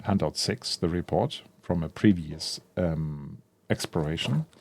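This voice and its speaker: Low-voiced man chatting through an unboxing. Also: expressive, unhurried, a little mellow, dry recording. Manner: chatty, thinks aloud with frequent ums and self-corrections; enthusiastic about the product. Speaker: tabletop RPG content creator. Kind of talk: casual unboxing commentary.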